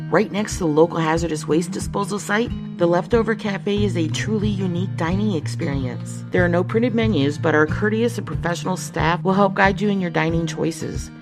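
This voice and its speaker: A woman playing a radio ad announcer, smooth and salesy, deadpan about absurd claims. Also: lowish voice, lightly acted. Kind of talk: scripted ad read. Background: guitar music.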